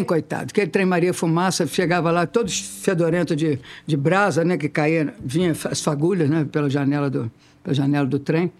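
Uma mulher de oitenta e poucos anos com sotaque mineiro, contando casos de forma animada e imitando as vozes das pessoas. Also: female voice, lowish voice. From Ubá, Minas Gerais, Brazil. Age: 80s. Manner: lively, laughing, acts out quoted voices. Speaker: interviewed singer, twin sister. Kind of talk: casual storytelling.

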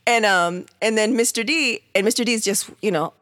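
On a dry, studio-quality recording, a woman with a slightly high, somewhat bright voice talks fairly quickly. She's in her thirties, hosts a podcast from San Diego, and keeps things relaxed and slangy, laughing often.

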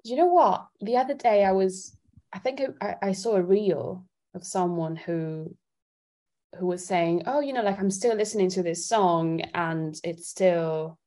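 She's an interview guest from Italy, a singer-songwriter whose talk is casual and a little giggly as she feels her way through what she says. Her mid-range voice has a dark tone and a measured pace.

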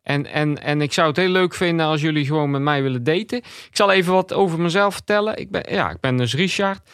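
A jittery local radio presenter, as a man puts him on, pitched well above a normal speaking voice and with an odd, distant timbre. He hesitates constantly, stumbling through fillers and restarts as he pitches himself. The delivery stays awkward and halting throughout. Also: fairly bright tone, clear, resonant tone, no echo, clean studio sound. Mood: awkward, nervous. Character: nervous small-town male radio host. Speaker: dating segment presenter.

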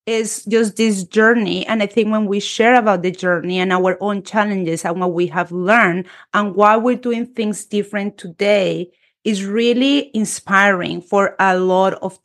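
A woman hosting a podcast interview over a video call, enthusiastic and expressive as she welcomes her guests. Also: mid-range voice. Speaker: podcast host. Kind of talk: casual interview chat.

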